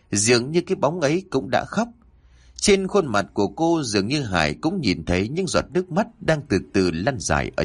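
A man narrates a ghost story in a dramatic, steady manner. His voice is husky and breathy, and his pitch rises and falls a lot.

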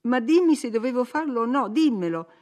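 A woman's voice: a little high, expressive, moderate pace, darkish tone, pitched above the performer's own voice, close to an everyday voice. A woman voicing an impetuous, willful young woman who speaks in an emphatic, insistent way.

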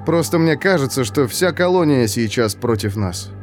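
A jittery young inmate, new to the colony, answers back tensely and defensively, as a male audiobook reader gives him voice. His pitch moves around a lot, and soft music plays behind him. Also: animated, moderate pace, lightly acted. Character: nervous young male prison newcomer.

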